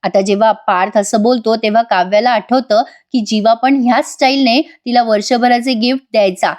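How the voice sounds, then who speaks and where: A woman's voice: a little high, fairly even intonation, moderate pace, darkish tone. A woman giving a chatty voice-over recap of a TV serial episode and talking directly to her viewers. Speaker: TV serial reviewer.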